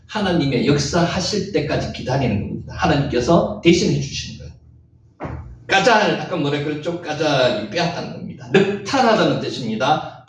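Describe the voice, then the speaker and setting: A man's voice: a little high, slight background noise. A man giving a Bible lecture, stressing key words by repeating them and quizzing his listeners. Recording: very echoey room, mic far off.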